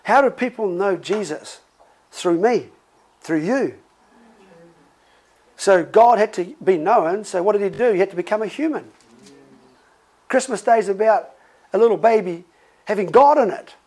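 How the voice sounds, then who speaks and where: A man's voice: high-pitched, unhurried, pauses often, low-quality recording. A middle-aged male pastor preaching in a conversational, storytelling way. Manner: conversational, animated storytelling with laughs. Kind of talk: sermon.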